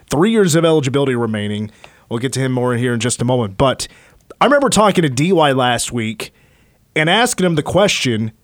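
A man's voice: medium pitch, dry recording. A man hosting a sports radio show, chatting casually and upbeat about college basketball recruiting from a studio. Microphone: studio microphone.

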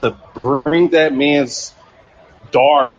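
Male caller on a choppy phone line, husky voice, frustrated and opinionated. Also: on the high side, steady tone. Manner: frustrated, opinionated, a bit halting. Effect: over a phone-quality call that keeps breaking up. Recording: lo-fi call audio with a weak signal.

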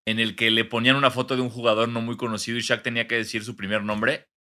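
A man's voice: medium pitch, level tone, pushed and bright. A young man with a Mexican accent co-hosting a casual sports podcast, riffing playfully and recording remotely from home. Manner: playful, riffing, quick to laugh. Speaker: podcast co-host.

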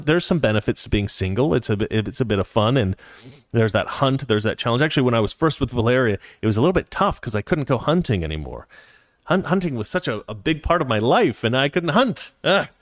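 A man in his forties with a medium-pitched voice hosts a casual livestream, reading viewer chat comments aloud. He rambles and restarts often, and the recording is dry and studio quality.

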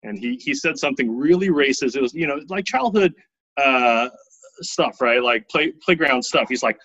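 A man's voice: mid-range voice, expressive, moderate pace, a bit bright, dry recording, dull audio. A man in his thirties from Taiwan, telling his life story casually as an interview guest, often tagging his lines with "right?".

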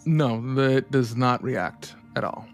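A man narrating a tabletop game as game master, describing scenes at an unhurried pace with fillers. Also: medium pitch, faint music behind.

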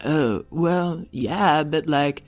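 A man voicing a kind, wise old male robot in a bedtime story, giving slow, gentle advice sprinkled with playful beeps. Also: fairly high pitch, faint music behind. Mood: kindly.

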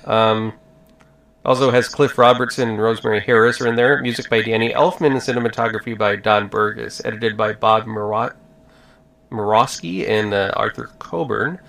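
A man hosting a podcast with casual film talk, halting as he searches for details. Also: lowish voice, vocal fry, fairly bright tone. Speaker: podcast host.

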